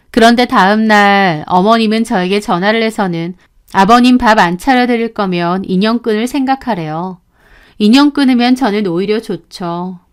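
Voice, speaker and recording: Telling her own daughter-in-law story, a woman in her thirties speaks in a smooth, mid-range voice. She's indignant and full of complaints, playing out the conversations herself.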